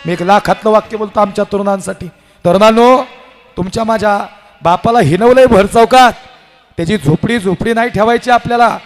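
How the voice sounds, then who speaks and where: High-voiced impassioned male kirtan preacher. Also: brisk, faint music behind. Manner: impassioned, storytelling with acted dialogue. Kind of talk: devotional kirtan sermon. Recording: live hall with reverb and instruments.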